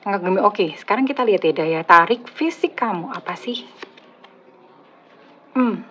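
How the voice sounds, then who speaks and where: A woman with an Indonesian accent and a slightly husky voice, doing a casual, chatty tarot reading for her viewers, teasing and joking as she goes. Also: mid-range voice, slight background noise. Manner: chatty, teasing, laughs at own jokes. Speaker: tarot reader. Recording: slightly dull lo-fi audio.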